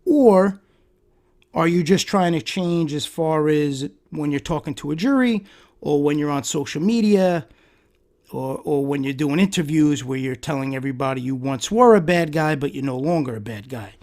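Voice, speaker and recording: A man's voice: a little high, moderate pace, darkish tone. A man hosting a solo podcast, talking through rhetorical questions in a sarcastic tone and often repeating words and restarting. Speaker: podcast host.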